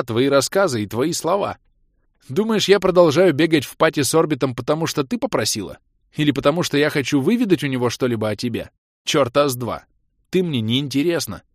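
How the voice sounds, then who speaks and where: A man's voice: a little high, lively intonation, a little fast. A prickly young hero from a game-world audiobook, blunt and defiant, who pushes back hard against anyone who tells him what to do, as voiced by a male narrator. The sound is dry, with no room echo.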